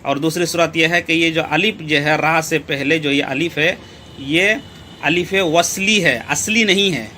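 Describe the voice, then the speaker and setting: Guy teaching tajweed, repeats stuff and asks questions, bright voice, bit of background hiss. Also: fairly high pitch. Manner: slow, repetitive explaining with rhetorical questions. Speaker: Quran recitation teacher. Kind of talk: step-by-step tajweed lesson.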